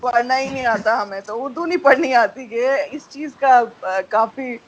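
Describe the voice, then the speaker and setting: A woman's voice: a little high, normal speed, highs cut off, a crowd in the background. A woman with a Pakistani Urdu accent giving a candid testimonial as a voice-over student, slipping English phrases into her talk.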